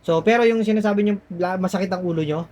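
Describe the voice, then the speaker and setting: A man's voice: high voice, fast, darkish tone. A man working as a spiritual healer, coaxing and reassuring his patients indoors and repeating himself as he explains. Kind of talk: explaining to patients during a healing session.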